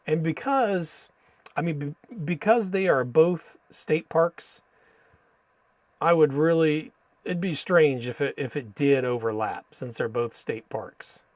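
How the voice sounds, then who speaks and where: Male stream host, American, dry close sound, casual halting map commentary, Spanish words in an American accent. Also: fairly high pitch, dry recording. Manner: halting, thinking aloud. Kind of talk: casual live stream commentary while reading maps.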